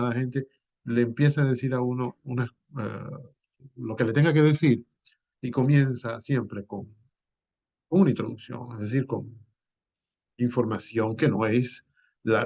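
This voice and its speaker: A man, a teacher giving a classroom lecture. He explains at an unhurried pace, often pausing on "eh" and restarting his words. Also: mid-range voice, vocal fry, a little mellow. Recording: dull lo-fi recording.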